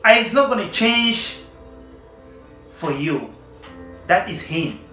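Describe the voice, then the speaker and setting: Young man, animated vlog commentary, bright tone, roomy echo. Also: high-pitched, takes it slowly, soft background music. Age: young adult. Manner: animated, emphatic, addresses viewers directly. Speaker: vlogger. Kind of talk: casual commentary to camera. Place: plain indoor room.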